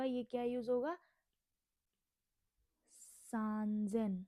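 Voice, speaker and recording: A young woman from India teaching a casual language lesson, repeating each word slowly and asking and answering her own questions. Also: a little high, warm tone, no echo.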